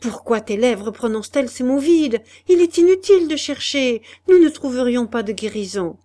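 A woman's voice: on the high side, expressive, normal speed, warm tone, voice pushed up, lightly acted. A woman voicing a desperate young wife in an audiobook, reading her lines with strong emotion, pleading and harsh by turns.

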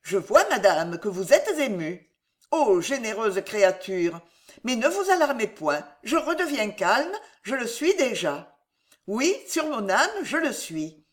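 A woman voicing an excitable, fawning young gentleman who pleads theatrically. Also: a little high, unhurried. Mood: pleading.

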